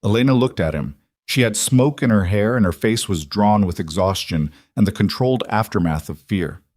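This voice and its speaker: Male narrator for a frontier story, unhurried and even, deep and dry. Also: no echo. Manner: steady, unhurried. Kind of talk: scripted western story narration.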